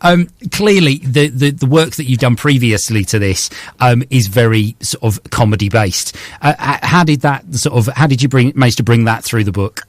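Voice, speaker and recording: A man's voice: medium pitch, moderate pace, no echo. A man hosting a radio interview in a chatty, casual way, often restarting his sentences. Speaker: radio show host. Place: radio studio.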